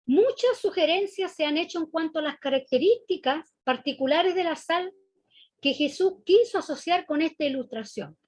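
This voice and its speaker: A woman's voice: extremely high pitch, lively intonation, normal speed, no echo. A woman with a Chilean accent preaching a sermon in a conversational way, often asking the congregation questions. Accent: Chilean Spanish.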